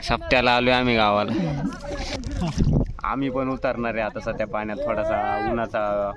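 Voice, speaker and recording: A man's voice: fairly low pitch, little pitch movement, moderate pace, very noisy. A man vlogging outdoors in a village near water, chatting casually and teasing on a handheld phone. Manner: playful, teasing. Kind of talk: casual vlog chat.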